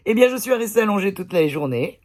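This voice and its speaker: A woman's voice: mid-range voice, lively intonation, fast, a little mellow. A woman chatting casually to her phone camera indoors, blunt and swearing freely as she tells everyday stories. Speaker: vlogger. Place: indoors, pillow behind her.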